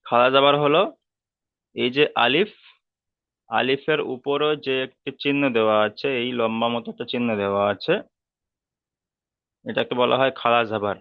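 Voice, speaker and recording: A man with a Bengali accent teaching a slow, step-by-step reading lesson, patiently repeating each term and drawing out each sound. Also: medium pitch, steady tone, clean tone, no echo, muffled recording.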